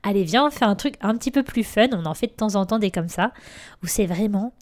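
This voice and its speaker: A woman's voice: mid-range voice, lively intonation, fairly quick, a little mellow. A young woman, chatting casually and teasingly as a podcast co-host. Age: young adult. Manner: playful, teasing. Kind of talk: casual chat.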